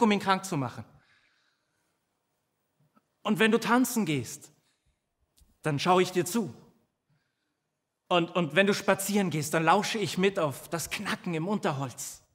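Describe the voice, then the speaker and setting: An actor playing a devoted protective companion who imagines himself tiny and vengeful, speaking in a halting theatrical monologue that keeps stammering and repeating words. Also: male voice, sits high, a bit bright, in a large hall. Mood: playful. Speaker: stage actor in a filmed play.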